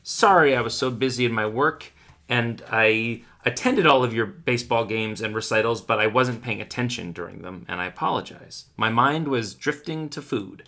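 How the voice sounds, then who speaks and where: A man's voice: mid-range voice, moderate pace, pushed and bright. A man playing an earnest, grandiose, lovelorn radio poet-doctor in a mock radio segment, with theatrical, florid delivery. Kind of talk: mock radio segment with sponsor reads and dramatic poetry.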